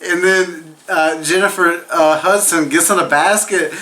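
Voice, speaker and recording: A man's voice: a little high, fairly even intonation, a little slow, sharp tone. A man giving a casual, profane comedic film recap while tipsy and getting drunker, rambling and prone to giggles. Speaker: movie reviewer.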